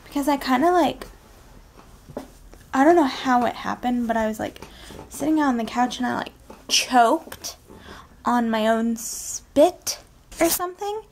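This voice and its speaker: Young female vlogger, slightly high voice, informal rambling chat, recorded at home with background noise. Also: expressive. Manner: informal, drawn-out asides with frequent "like" and "kinda". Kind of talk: casual daily vlog chat. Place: at home, indoors.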